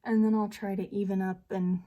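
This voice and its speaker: A woman's voice: mid-range voice, flat delivery, fairly quick, dark tone, lo-fi sound. A young American woman vlogging at home, telling a story in a chatty, self-deprecating way with frequent laughs while she does her makeup. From United States. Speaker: beauty vlogger.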